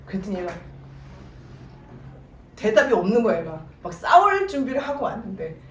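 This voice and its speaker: Casting note: middle-aged woman speaker, lively pitch, church seminar, heard from afar in a roomy hall with faint hiss. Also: moderate pace. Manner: animated storytelling, mixes English words into Korean. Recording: echoey room, voice from far off, faint noise.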